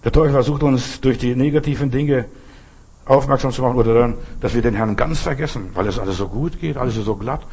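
Gravelly older man preaching. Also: mid-range voice, fast, darkish tone. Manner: earnest, storytelling preacher with acted quotes. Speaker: pastor. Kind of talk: sermon.

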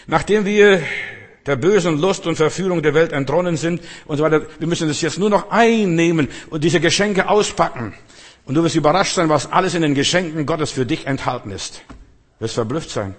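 A man's voice: fairly high pitch, brisk. A man preaching a sermon, addressing listeners directly with emphatic repetition.

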